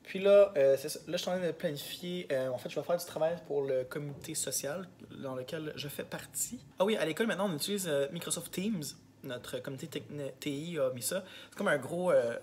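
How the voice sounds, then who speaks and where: A man's voice: on the high side, slight background noise. A male schoolteacher with a Québécois French accent, talking casually and candidly in a vlog diary, full of fillers. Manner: candid, rambling, heavy on fillers. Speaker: elementary school teacher.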